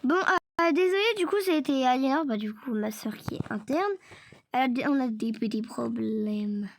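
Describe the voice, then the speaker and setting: A woman's voice: high-pitched, moderate pace, a little hiss or hum. A young woman giving casual gameplay commentary, stammering, apologizing and often dropping into whispers. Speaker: gaming video creator.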